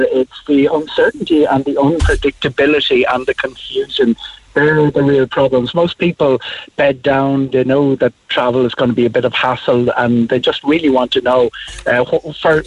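A man's voice: mid-range voice, breathy edge, dry recording. A man giving conversational commentary as a travel expert guest on radio, over a dull lo-fi call.

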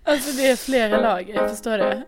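A woman in casual chat, teasing her friend and chatty, quick to laugh. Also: fairly high pitch, over loud music.

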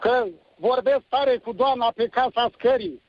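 A man voicing an old lift repairman calling in to a morning radio show, in a strained high put-on voice. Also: no echo, highs cut off. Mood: joking. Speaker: caller. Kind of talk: prank phone call.

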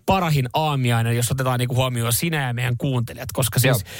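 A man's voice: mid-range voice, fairly even intonation, no echo. A man in his thirties co-hosting a morning radio show in a studio, rambling through stories with easy laughs. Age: 30s. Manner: chatty, rambling storyteller with laughs. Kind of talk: casual radio chat. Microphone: studio microphone.

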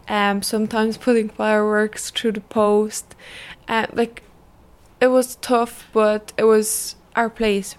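A young woman, a program assistant talking easily about her work for a documentary. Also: mid-range voice. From Ireland. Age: young adult. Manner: chatty, easygoing explanations. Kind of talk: documentary interview. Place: outside a busy office.

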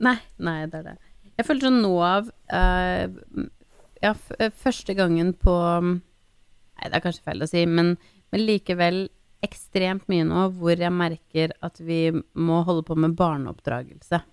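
A woman's voice: clean tone, dry recording. Chatty mother, close dry sound. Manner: animated storyteller, acts out her child's pleading in a high voice. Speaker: podcast co-host, mother of a young girl. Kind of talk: casual chat.

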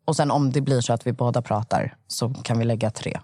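A woman from co-hosting a casual podcast chat, her voice sitting low for a woman. She tells stories with animation and slips into the voices of the people she quotes. The recording is dry and close. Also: fairly even intonation, dark tone, no echo. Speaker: podcast co-host.

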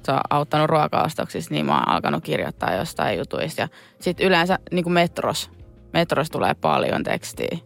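A woman's voice: low voice, creaky. A young woman, a music artist, chatting loosely as an interview guest with many fillers. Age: young adult. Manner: relaxed, rambling with many fillers. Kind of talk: casual interview chat.

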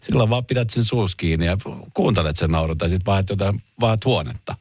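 A man co-hosting a radio show in casual chat, talking loudly and emphatically. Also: low voice, dry recording. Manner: loud voice, emphatic. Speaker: radio host. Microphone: studio mic.

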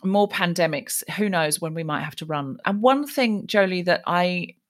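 Lively storytelling woman, low voice. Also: moderate pace. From Australia. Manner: animated, lively anecdotes. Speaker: guest. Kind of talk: conversational storytelling.

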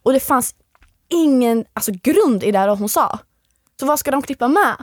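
A woman's voice: high voice, no room sound, studio quality. A young woman, a guest in an interview, telling a story with lots of energy and acting out what other people said. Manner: animated storytelling, acts out quoted lines. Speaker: guest, former reality show contestant.

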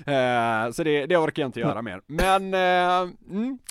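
A young man with a Swedish accent co-hosts a casual podcast. His voice sits high and swoops widely as he argues his point, emphatic and quick to laugh. The sound is close and dry. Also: smooth, no echo. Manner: animated, emphatic, laughs often. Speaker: podcast co-host.

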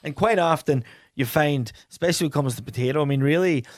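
A man's voice: fairly high pitch, fast, dry recording, clean studio sound. A middle-aged man with a Donegal accent, chatting casually as a podcast co-host with a wry, slangy, teasing manner. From Donegal, Ireland. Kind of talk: casual banter.

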